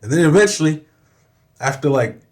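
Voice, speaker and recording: This young adult man speaks at a moderate pace with a fairly high pitch and lively intonation. A Southern California rapper guesting on a podcast, he relates a personal story in a candid, emphatic way, with frequent swearing and constant "you know what I'm saying."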